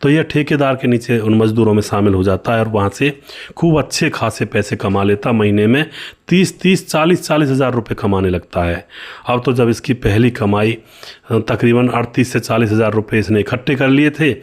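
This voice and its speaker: A man narrating an emotional story in a conversational way, speaking to his listeners as friends, with frequent pauses. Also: medium pitch.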